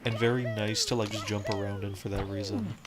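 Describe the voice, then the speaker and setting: This man's voice is low and level, and he talks a little fast on a very noisy recording with game music behind. He rambles through his gameplay commentary, restarting often and leaning on "like."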